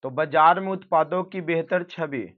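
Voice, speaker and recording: Male teacher, fairly high voice, reads questions and gives answers for exam practice, dull lo-fi audio. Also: normal speed. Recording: dull lo-fi recording.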